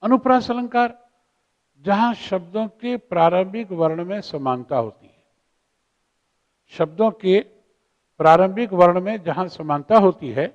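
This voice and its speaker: High-voiced male teacher in echoing hall. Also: a little mellow. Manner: explains by repeating phrases and reciting verse examples. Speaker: Hindi literature teacher. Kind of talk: lecture on figures of speech. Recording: dull lo-fi with long hall reverb.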